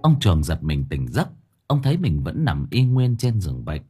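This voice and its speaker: A man narrating a spooky audiobook story in an expressive, vivid way. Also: deep voice, moderate pace, soft background music. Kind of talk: dramatic horror story narration.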